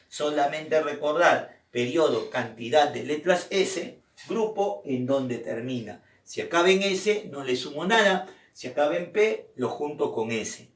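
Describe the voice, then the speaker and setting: A male chemistry teacher walks through a problem slowly, posing questions to himself and then answering them. His voice sits fairly high for a man. It sounds like an echoey room, with the mic set back from him. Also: far from the mic. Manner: explains step by step, asks and answers his own questions. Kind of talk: recorded chemistry lesson.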